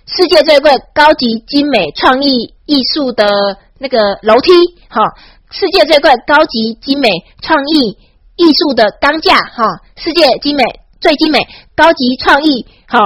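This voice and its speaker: A woman with a Taiwanese Mandarin accent giving a mock-boastful satirical monologue, dropping a breathy "ha" into nearly every phrase. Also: sits high, fairly bright tone, no echo. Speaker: satirical commentator. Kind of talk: sarcastic comic monologue.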